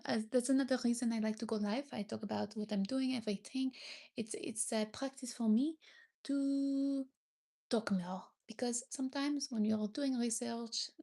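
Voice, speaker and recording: A young woman from France with a noticeable French accent hosts a relaxed, chatty livestream in a friendly, easygoing way. Her slightly higher-than-average voice has some vocal fry. She greets and thanks viewers and occasionally pauses to find the right English word.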